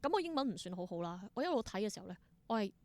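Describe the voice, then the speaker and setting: Speaking with a Hong Kong Cantonese accent, this independent theatre performer is a guest on an interview, casually spinning stories and thinking aloud in brief, reflective bursts. Her mid-range voice is sing-song and darkish, and she races along.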